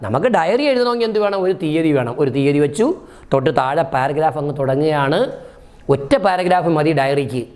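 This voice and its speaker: A man's voice: fairly high pitch, lively intonation, fairly quick, darkish tone. A man from Kerala, teaching an exam-prep lesson and asking questions that he answers himself. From Kerala, India. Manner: explanatory, asks questions and answers them himself. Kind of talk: exam-prep Hindi lesson, explained in Malayalam.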